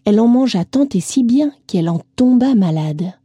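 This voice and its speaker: Woman reading a kids story, soft husky voice, dry close sound, bit of music behind. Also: on the high side, normal speed, no room sound. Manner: gentle, lively, speaks directly to a child listener. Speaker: storyteller for children.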